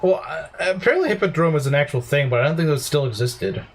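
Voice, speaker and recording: A young man casually commentating a video game, quick to complain and laugh. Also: a little high, animated. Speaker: let's play host.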